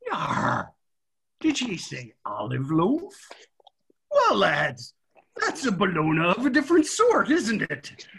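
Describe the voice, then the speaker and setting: A man playing a gruff old lighthouse keeper who growls in pirate-style sailor talk. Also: high voice, wildly swooping pitch, slow pace, a bit bright, heavily acted. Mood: confiding.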